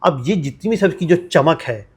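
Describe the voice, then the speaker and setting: A man's voice: a little high, expressive, normal speed, breathy edge. A man with a slightly raised voice hosts a promotional interview. He keeps things upbeat, repeats his guest's answers and pushes the talk along with questions.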